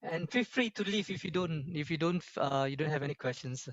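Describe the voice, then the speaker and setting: A man with a Singaporean accent leading an informal online workshop as lecturer, speaking in halting phrases with colloquial Singlish particles. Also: on the high side, highs cut off.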